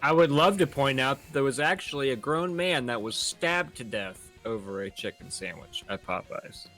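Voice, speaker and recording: A man's voice: medium pitch, normal speed, soft background music. A young man co-hosting a casual podcast, telling stories with lots of laughter. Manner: laughs a lot, animated storytelling. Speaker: podcast co-host. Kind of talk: casual chat.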